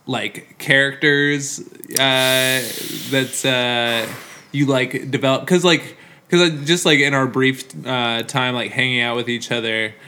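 A man's voice: mid-range voice, fairly even intonation, takes it slowly, bright, forceful tone, slight background noise. A man co-hosting a casual interview, rambling and hesitant with many fillers. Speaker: podcast co-host.

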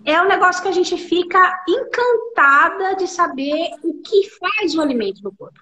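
Woman guest, 40s, high voice, emotional storyteller, mimics quoted dialogue. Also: animated, moderate pace, sharp tone. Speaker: guest, clinical nutritionist. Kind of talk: interview conversation.

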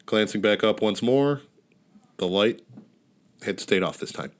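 A man's voice: fairly low pitch, measured pace. A man hosting a podcast, casually retelling a story in a wry, laid-back way with casual swearing. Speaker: podcast host. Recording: outdoor neighborhood ambience behind.

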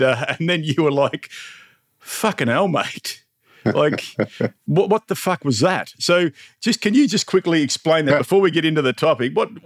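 A man's voice: medium pitch, no echo, studio quality. A middle-aged man hosting a podcast in a laid-back, chummy way. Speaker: podcast host. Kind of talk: casual podcast chat.

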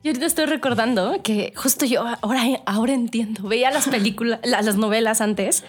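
Slangy Mexican woman, high voice. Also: brisk, husky, soft background music. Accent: Mexican Spanish. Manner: slangy, laughs often, thinks aloud. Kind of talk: casual chat.

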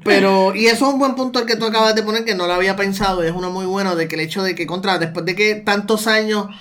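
A man's voice: sits high, steady tone, a bit bright. Brief: Puerto Rican male co-host, casual talk, stumbles and restarts as he thinks aloud. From Puerto Rico. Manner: halting, many restarts and repeated words. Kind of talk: casual discussion.

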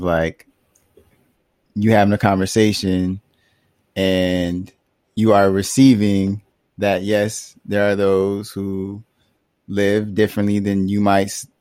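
A man's voice: deep voice, a little mellow, no room sound. A man co-hosting a podcast in a casual, rambling discussion, full of fillers and laughs. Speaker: podcast co-host.

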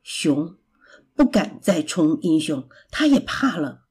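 A woman storyteller reading a children's story aloud in an expressive, lively way. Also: sits low, slow pace, slightly rough.

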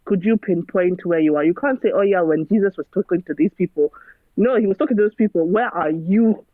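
Slightly fast and fairly low in pitch, a woman talks as a casual-conversation guest through a tinny, dry, phone-like sound. Her manner is earnest and moralizing, full of rhetorical questions.

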